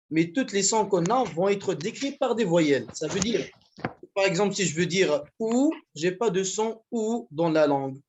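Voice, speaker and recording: A man with a Moroccan accent teaching a university French class over a video call. He explains slowly, stretching out example words and slipping into Moroccan Arabic. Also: high voice, a little mellow, slight background noise. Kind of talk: online class lecture.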